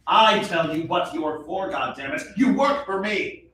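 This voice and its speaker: A man's voice: high voice, expressive, measured pace, sharp tone, slight background noise, heavily acted. An actor playing an arrogant, hot-tempered young king in a stage reading, barking orders with contempt. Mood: domineering. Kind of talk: stage reading of a musical play. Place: theater stage. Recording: very echoey hall, mic far off.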